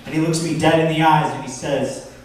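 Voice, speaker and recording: A man in his thirties works a bar stage with a self-deprecating stand-up set, his fairly high voice broken up by frequent fillers. The mic sits back from him in a very echoey room. A faint hum of the bar runs underneath. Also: steady tone, brisk, far from the mic. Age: 30s. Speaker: stand-up comedian. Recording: roomy bar, from afar, faint crowd noise.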